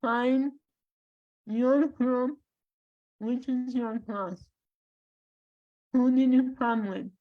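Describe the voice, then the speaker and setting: A woman from Bulgaria with a Bulgarian accent, a guest speaking in a measured, halting way with long pauses. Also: high-pitched, fairly even intonation, narrow, tinny audio. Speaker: guest, life coach and spiritual guide. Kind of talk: slow reflective interview talk.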